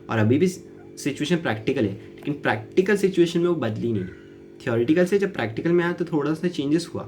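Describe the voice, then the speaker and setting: A man's voice: fairly high pitch, darkish tone. A man teaching an English novel, reading lines aloud and explaining them word by word in mixed Hindi and English. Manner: reads each English line slowly, then explains it in mixed Hindi and English. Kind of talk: explaining a novel passage line by line.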